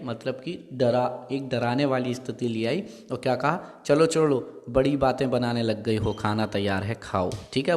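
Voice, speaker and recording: A male teacher walks his class through a story, retelling each sentence in simpler words and stopping to ask whether they have followed. His voice sits at an ordinary middle pitch. It carries a long, hall-like reverb, as if recorded in a large bare room. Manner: repeats and explains each line, asks quick checking questions. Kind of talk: explaining and reading a Hindi story lesson.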